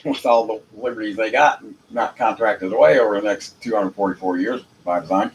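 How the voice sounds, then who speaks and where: A man's voice: lowish voice, a little fast, low-quality recording. A man with a Southern US accent giving an informal, rambling monologue in a folksy, unpolished manner, repeating phrases for emphasis. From Jacksonville, United States. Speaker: amateur legal commentator. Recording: noticeable background noise.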